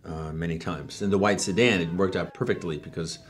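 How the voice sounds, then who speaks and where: A man's voice: low-pitched, fairly quick. A man in a casual conversation, talking bluntly and swearing freely about making military comedy. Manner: blunt, profane, relaxed. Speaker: show co-creator discussing military comedy.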